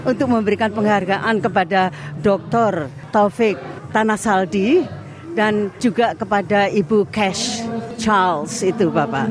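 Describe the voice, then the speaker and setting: A woman's voice: medium pitch, a little slow. A woman with an Indonesian accent interviewing guests live at an event, polite, deferential and wordy, switching between Indonesian and English. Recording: loud music and crowd behind.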